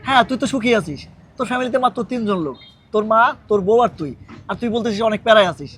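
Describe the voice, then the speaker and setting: A man's voice: high voice, lively intonation, very fast, fairly bright tone, soft background music. An actor playing a young man who teases his married friend in casual banter. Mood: teasing. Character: teasing young male friend. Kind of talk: TV drama acting.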